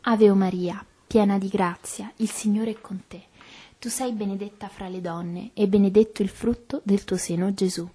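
A woman leading a recited rosary prayer in a soft, even, devotional way. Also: medium pitch, moderate pace, breathy edge. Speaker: prayer leader.

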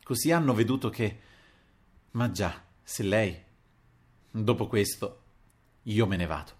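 A man's voice: mid-range voice, close to an everyday voice. A man voicing a weeping, distraught schemer. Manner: halting, broken, pleading phrases.

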